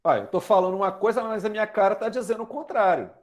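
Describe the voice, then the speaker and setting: Fast and animated, this man's high voice carries a chatty sermon in a Brazilian Portuguese accent. He's a Brazilian lay preacher in his forties who asks the congregation questions and uses everyday examples.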